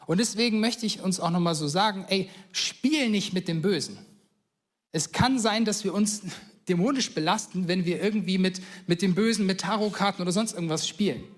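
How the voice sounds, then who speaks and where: A man with a high voice preaches a relaxed, conversational sermon. He retells old stories with enthusiasm and slips into quick acted-out quotes in plain everyday speech. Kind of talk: casual sermon.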